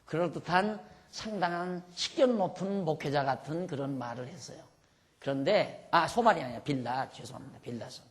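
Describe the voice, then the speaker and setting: A man teaching a Bible study lecture to a class, lively and acting out the speakers in the text. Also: on the high side, moderate pace.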